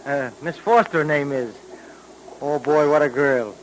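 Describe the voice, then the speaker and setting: A man playing a breezy, excitable sidekick cop on old-time radio. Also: on the high side, unhurried, noisy background, lightly acted. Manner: chatty, excitable, slangy. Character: breezy, eager young male sidekick cop. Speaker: police partner of the detective. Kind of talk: 1940s radio drama acting.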